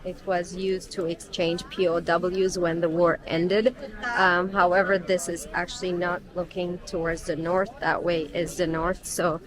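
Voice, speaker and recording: A woman's voice: on the low side, little pitch movement, a little slow, crowd noise. A young woman talking casually on a travel vlog, explaining things to the camera with frequent ums while on an outdoor guided tour in cold weather. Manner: chatty, explanatory, with frequent um fillers. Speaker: travel vlogger.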